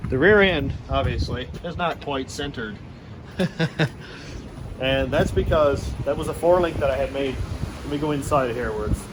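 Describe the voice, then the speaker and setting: A man vlogging about building his hot rod, talking in a relaxed, rambling way with fillers, recorded on a camera mic outdoors and in a garage. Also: medium pitch. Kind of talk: casual shop vlog. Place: outdoors in wind and in a garage shop. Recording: noisy outdoor wind and traffic.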